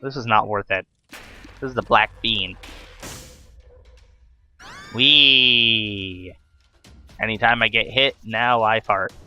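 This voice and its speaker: A man's voice: lowish voice, steady tone, normal speed, sharp tone, dull audio, faint music behind. A young man hosting a let's play, giving wry, chatty commentary on his gameplay. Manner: wry, chatty, scolding the enemies on screen.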